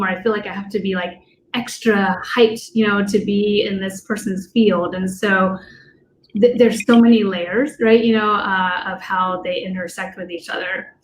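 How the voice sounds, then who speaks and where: On a video call panel, a woman who coaches dance talks loosely in a casual discussion, rambling with many fillers and restarts. Her voice is medium-pitched, and the audio is poor with slight background noise.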